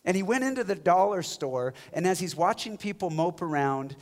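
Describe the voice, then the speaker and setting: A man delivers a sermon as a pastor, his voice sitting a little high for a man. He swings between ringing exhortation and quiet, near-whispered moments. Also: lively intonation, moderate pace. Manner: passionate, wide swings from loud exhortation to hushed near-whisper.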